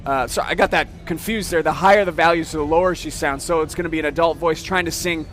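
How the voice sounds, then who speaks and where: A man giving a casual, step-by-step software demo at a trade show, often checking in with "okay?". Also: on the high side, fairly even intonation, fast, faint music behind. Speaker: software demonstrator.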